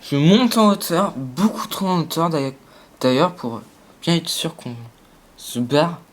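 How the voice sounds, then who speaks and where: A mid-pitched gamer of unclear sex talks through the game casually. The delivery is slangy and halting, with frequent self-corrections while explaining strategy aloud. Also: lively intonation. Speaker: gaming video creator.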